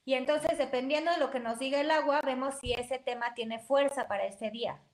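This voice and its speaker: A woman's voice: high voice, fairly even intonation, brisk. A woman, a guest practitioner explaining her work in casual conversation. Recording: echoey room.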